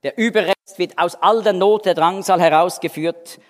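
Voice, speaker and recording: A man preaching an expository Bible sermon, emphatic, switching between loud stressed words and quiet, low phrases. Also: moderate pace, big-room sound.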